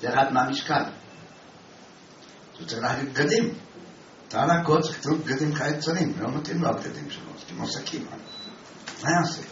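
A man's voice: mid-range voice, long pauses, fairly bright tone, a little hiss or hum. A man teaching a religious class as a rabbi, telling a story and asking his listeners questions. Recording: echoey room, distant mic, dull sound.

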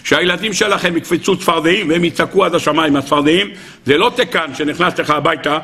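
A man's voice: on the high side, gravelly, bright, forceful tone. A man giving a Torah sermon, asking rhetorical questions in a sing-song way and acting out the voices he quotes. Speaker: rabbi teaching a Torah lesson.

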